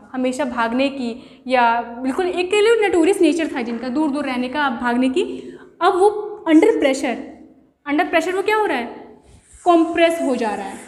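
A woman teacher giving a classroom science lesson, explaining with everyday examples and asking rhetorical questions. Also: sits high. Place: room. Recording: echoey room with long reverb.

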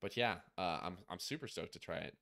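A man chatting casually on a podcast, excitable and slangy, quick to gasp and laugh. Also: deep voice, gravelly. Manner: slangy, laid-back. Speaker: podcast co-host. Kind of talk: casual chat.

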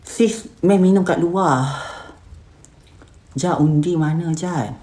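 A Malaysian woman with a somewhat low voice talks through a live stream, reading comments aloud and firing back bluntly. She switches into English words as she goes. The sound carries a noticeable room echo. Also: slow, warm tone. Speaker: influencer hosting a live stream. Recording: roomy echoey room.

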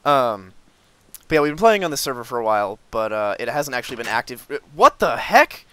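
A man's voice: mid-range voice, expressive, fast talker, a bit bright, slight background noise. A young man hosting a casual Minecraft video, rambling with lots of fillers and restarts as he shows off his build. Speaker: gaming video host.

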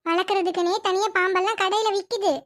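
Woman voicing little cartoon girl, eager, chatty, playful, very high voice. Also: fairly even intonation, fast talker, a bit bright.

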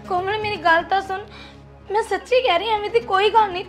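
A woman's voice: very high voice, fairly even intonation, fast talker, faint music behind. A woman playing a sorrowful young widow who pleads that she is innocent. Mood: pleading. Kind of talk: short film acting.

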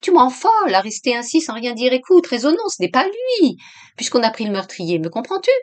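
Woman doing a panicky young lady, high and pleading, audiobook style. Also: very animated, a little fast. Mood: frantic. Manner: high-pitched, pleading, rising to near-shouts. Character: anxious young society woman, frantic and pleading.

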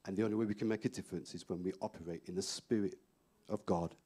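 Low-voiced man preaching emphatically. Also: fairly even intonation, fast, dark tone, husky. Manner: emphatic preaching, repeating key phrases. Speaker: pastor. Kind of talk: sermon. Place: church hall stage.

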